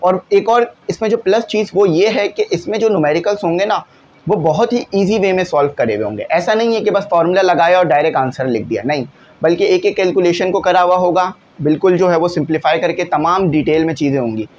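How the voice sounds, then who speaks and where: Male teacher, high register, patient classroom explainer. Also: expressive, brisk, darkish tone, muffled recording, a little hiss or hum. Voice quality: glasses wearer. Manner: explains patiently, often checks in with "theek hai". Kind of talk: classroom lesson solving exam questions.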